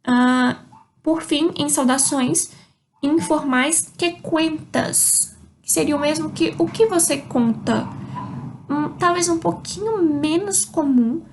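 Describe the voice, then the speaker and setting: A Brazilian Portuguese-speaking woman teaching a Spanish lesson, slowly pronouncing example words. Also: high-pitched. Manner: slow, drawn-out demonstration of Spanish words. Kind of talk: online language lesson. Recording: faint background noise.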